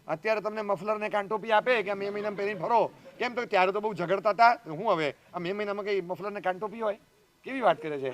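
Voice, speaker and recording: A man's voice: sits high, fairly bright tone. A man giving a sermon as a Jain monk, telling a story and acting out the dialogue, often asking the audience questions. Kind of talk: sermon with acted anecdotes.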